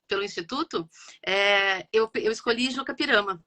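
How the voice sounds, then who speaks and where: A woman's voice: mid-range voice, moderate pace, sharp tone. A woman with a Brazilian Portuguese accent, a teacher explaining her classroom methods in a casual panel talk, with hesitant fillers.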